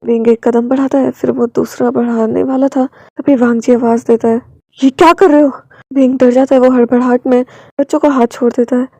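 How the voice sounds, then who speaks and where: A woman narrating a romance story in a quiet, intimate reading voice. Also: a little high, flat delivery, brisk, dry recording.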